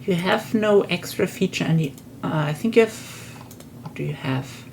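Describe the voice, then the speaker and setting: Woman haltingly reading game rules. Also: on the low side, vocal fry, a little mellow, a little hiss or hum. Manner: hesitant, reads rules aloud. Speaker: player. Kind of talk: casual tabletop game chat.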